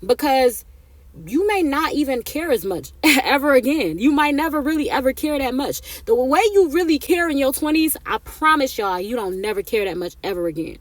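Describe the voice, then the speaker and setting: A woman's voice: high-pitched, lively intonation, normal speed, no echo. Chatty woman in her thirties. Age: 30s. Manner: chatty, repeats herself, tags lines with "right?" and "okay?". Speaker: vlogger giving life advice. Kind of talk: casual advice talk to camera.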